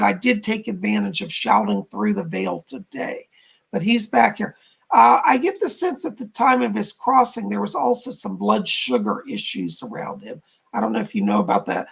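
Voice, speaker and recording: Hoarse, croaky man with heavy creak. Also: high-pitched, a bit bright. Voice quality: husky, croaky frog voice. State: hoarse, voice giving out. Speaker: psychic medium live stream host. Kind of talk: live spiritual readings for donors.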